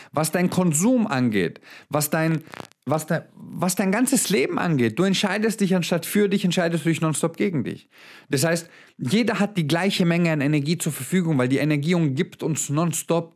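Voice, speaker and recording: A young man giving a blunt motivational monologue straight to the listener, swearing freely and mixing English words into his German. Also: fairly high pitch. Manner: emphatic, addresses listener directly. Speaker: motivational speaker.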